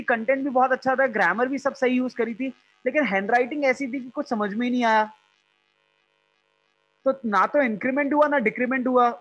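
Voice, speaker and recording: Indian guy teaching online class, fairly high voice, muffled call audio, keeps asking "is it clear?". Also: a bit bright. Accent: Indian English. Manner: mixes English and Hindi, asks students questions.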